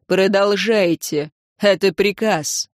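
Hoarse stubborn emperor barking orders thru pain, woman reader voicing him. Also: medium pitch, slow, no echo, studio quality, natural voice. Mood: commanding. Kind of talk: audiobook character voice.

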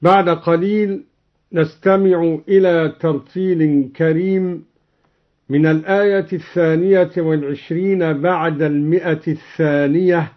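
High-voiced man reciting verses and explaining variants, slow and measured, dull old radio recording. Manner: measured, alternates plain explanation with melodic chanting. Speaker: Quran reciter.

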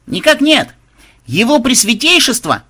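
A man's voice: very high voice, sing-song, bright, forceful tone, breathy edge, voice pushed up, exaggerated voice. A man voicing an eager, servile young male monk who speaks in a hurry. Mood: hurried. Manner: hurried, servile.

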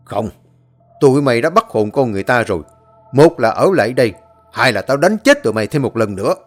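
A man playing a stern old exorcist who gives gruff, commanding orders. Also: lowish voice, very animated, a little fast, faint music behind. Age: older. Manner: commanding, scolding.

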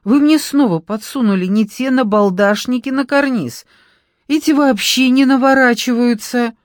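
This is a stern, exasperated middle-aged woman from an audiobook, clipped and commanding in her indignation, as a female reader puts her on. Her lines come fairly high and sharp, and the dry close recording has no room sound at all. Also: normal speed, no echo, lightly acted. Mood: indignant.

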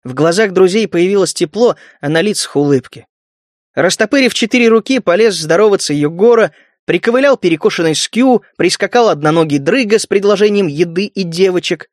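Male audiobook narrator, high light voice, dry studio sound. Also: expressive, a little fast, no room sound. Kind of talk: scripted narration.

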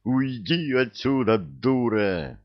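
A man voicing a gruff, foul-mouthed middle-aged army general who shouts and curses at his son. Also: medium pitch, slow, no room sound, pitched above the performer's own voice. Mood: furious. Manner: shouting, cursing, blustering. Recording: dull dry recording.

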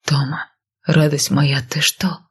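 A woman voicing a stern but tender northern man, in whispered role-play with a low, husky whisper. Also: fairly even intonation, measured pace, exaggerated voice. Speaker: male character voiced by narrator.

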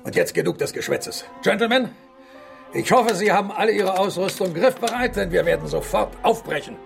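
Challenger, gravelly pompous professor. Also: male voice, sits high, lively intonation, fairly quick, music in the background, full character voice. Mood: commanding. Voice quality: gravelly, raspy. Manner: grandiose, sarcastic, imperious. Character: pompous, domineering, gravel-voiced professor and expedition leader. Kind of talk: German radio drama acting.

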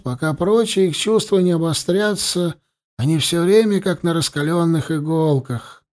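A man's voice: high-pitched, a little mellow, voice pushed up, lightly acted. A man voicing a stern, cold, self-righteous male priest who acts as torturer. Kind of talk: audiobook character voice.

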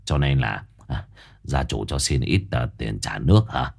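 A greedy old fortune-teller in a spoken ghost story, dropping his voice low and talking in a smug, gruff manner. He, performed by a man narrating the tale. His pitch swings from growl to pleading. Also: animated, measured pace, heavily acted. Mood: wheedling. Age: older.

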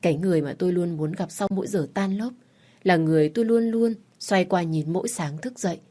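A woman narrating a first-person romance story in scripted form. Her voice is lowish and mellow rather than bright, and her delivery is soft and reflective. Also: brisk.

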